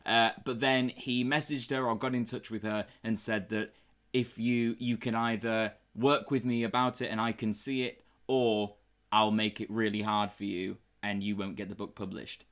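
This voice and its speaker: A man's voice: on the low side, flat delivery, normal speed, fairly bright tone. A young British man co-hosting a book review chat, talking casually and rambling with lots of fillers and restarts. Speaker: book review podcast co-host.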